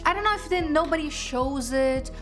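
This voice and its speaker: A woman's voice: sits high, expressive, normal speed, a bit bright, soft background music. A woman talking casually through her makeup routine, drifting into personal stories and encouragement. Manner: chatty, drifts into personal anecdotes and pep talk. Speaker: beauty vlogger. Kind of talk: casual makeup tutorial chat.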